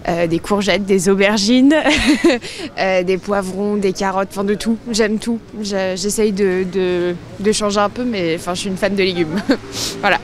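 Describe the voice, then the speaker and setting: A woman's voice: mid-range voice, unhurried. A young woman answering a street interview in a hesitant, giggly way with fillers, recorded outdoors on a handheld mic. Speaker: passer-by interviewee.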